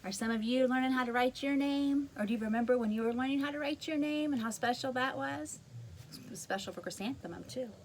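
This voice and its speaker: A woman reading a picture book aloud to young children, gently explaining words and adding asides. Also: high voice, fast, slight background noise.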